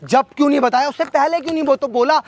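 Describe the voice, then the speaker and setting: A man's voice: extremely high pitch, fast talker. A man playing an exasperated young engaged man who argues indignantly with his fiancée in a scripted family drama skit, going over the same points again and again. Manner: indignant, repetitive arguing.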